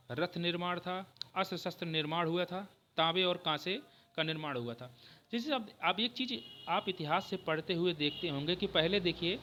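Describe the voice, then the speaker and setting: A man's voice: high voice, pushed and bright, a little hiss or hum. A man teaching an exam-prep history lecture, explaining step by step and often checking in with his students. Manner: repeats "ठीक है" often, explains slowly with restarts.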